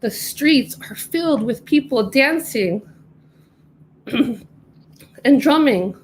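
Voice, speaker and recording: A woman's voice: high-pitched, expressive, slow, a little hiss or hum, pitched above the performer's own voice, rough recording. A woman voicing a shy twelve-year-old boy in a storybook reading, stammering a little.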